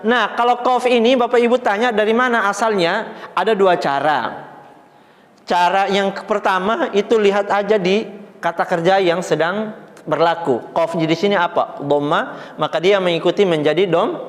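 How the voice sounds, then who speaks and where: A man's voice: high-pitched, in a large hall. A man teaching an Islamic study class on Arabic grammar, patient and reassuring, with light joking asides as he explains step by step while writing on a board.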